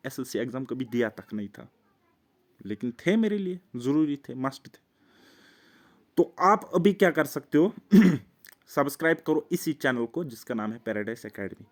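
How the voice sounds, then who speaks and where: A man from Jammu and Kashmir coaching students for government exams in a relaxed, talky way, close to the mic. His pitch sits in an ordinary middle register. He leans on little check-ins and repeats his key points with earnest insistence. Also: moderate pace. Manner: conversational, keeps checking with "ठीक है"; earnest, pleading repetition. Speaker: exam coach and channel host. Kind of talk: casual Hindi coaching talk to camera.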